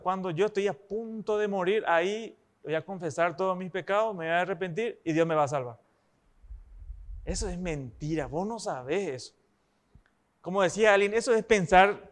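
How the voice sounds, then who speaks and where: High-voiced preacher. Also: male voice. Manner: emphatic, asks the congregation rhetorical questions. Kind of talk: sermon.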